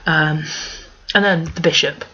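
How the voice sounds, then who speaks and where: A young woman chatting casually as a fan answering questions, gushing and emphatic, with halting digressions. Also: low-pitched, pushed and bright, slightly rough. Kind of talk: casual chat to camera. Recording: dull lo-fi microphone.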